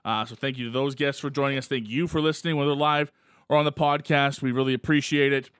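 A man's voice: medium pitch, steady tone, quick pace, a bit bright, clean tone, no room sound, studio quality. A man hosting a sports radio show.

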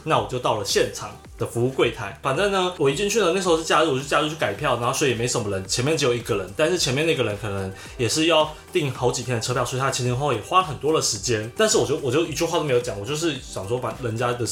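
A man co-hosting a chatty podcast, telling his story at a rapid clip and acting out the people in it. His voice sits at an ordinary middle pitch. Faint music plays under the talk. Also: lively intonation, a bit bright. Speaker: podcast co-host. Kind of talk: casual podcast chat.

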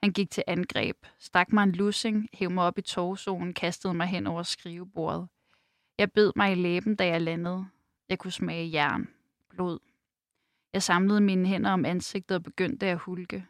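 A woman reading a first-person novel aloud in a measured, unhurried way, then talking about the book. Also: fairly low pitch, fairly even intonation, no room sound. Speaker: reader and book discussant.

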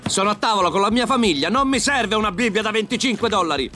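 A man's voice: high voice, expressive, fast talker, pushed and bright, faint music behind. A man voicing an irate old war veteran who insults and threatens whoever answers, in prank-call clips. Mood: furious. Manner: hot-tempered, insulting, threatening.

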